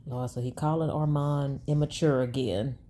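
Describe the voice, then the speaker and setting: A woman's voice: a bass voice, steady tone, normal speed, mellow. A woman giving skeptical, sassy commentary on gossip clips. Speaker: commentary channel host. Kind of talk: reaction commentary on celebrity gossip.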